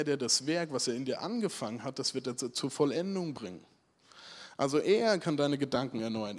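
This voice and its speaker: A man preaching a conversational sermon, asking rhetorical questions and often checking in with his listeners. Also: on the high side. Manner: rhetorical questions, frequent "right?" check-ins.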